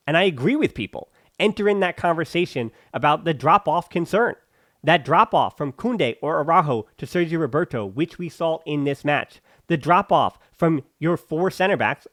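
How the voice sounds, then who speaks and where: A man's voice: on the high side, dry recording, studio quality. A man hosting a football podcast, giving emphatic, opinionated analysis with sarcastic asides and bursts of ranting. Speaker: podcast host.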